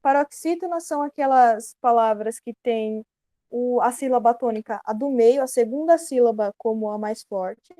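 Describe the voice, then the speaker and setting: A Brazilian woman teaching a grammar lesson in a relaxed, explanatory way, often correcting herself mid-sentence. Her voice sits a little high but sounds mellow. The recording is dry and close. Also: no echo. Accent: Brazilian Portuguese. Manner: explanatory, casual, self-correcting.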